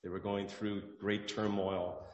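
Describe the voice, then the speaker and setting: A man's voice: on the low side, level tone, slow, darkish tone, muffled recording. A man preaching a sermon as pastor, in an earnest, conversational way, often restarting his phrases. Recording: roomy hall with long echo.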